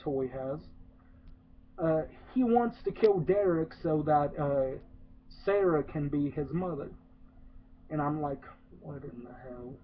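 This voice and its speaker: A film reviewer with a voice on the high side rants sarcastically through a movie review, rambling, swearing, and saying "uh" a lot. The tinny, phone-like lo-fi recording carries a little hiss or hum.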